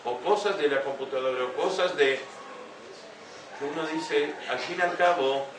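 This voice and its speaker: An older man speaks earnestly to a young audience, stopping often to ask rhetorical questions. His voice comes from some way off the mic in an echoey room, with steady room noise behind him. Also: fairly high pitch, normal speed. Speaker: speaker giving a talk. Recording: echoey room heard from a distance.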